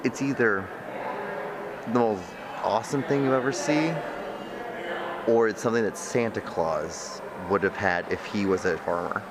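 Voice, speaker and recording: A young man vlogging quietly to a handheld camera inside a large museum hall, half-whispering with wry remarks. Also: fairly low pitch, a little slow, noisy background. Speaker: travel vlogger. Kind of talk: hushed vlog narration in a museum. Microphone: handheld camera at arm's length.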